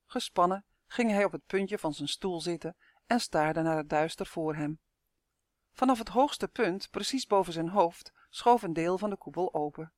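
A narrator reading a children's novel aloud in a steady, even storytelling manner. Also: mid-range voice, no echo, studio quality. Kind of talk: audiobook narration.

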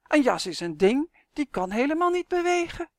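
A woman's voice: high-pitched, very animated, normal speed, no echo, clean studio sound, voice pushed up. A woman voicing a cheeky, fearless young boy in a storybook reading.

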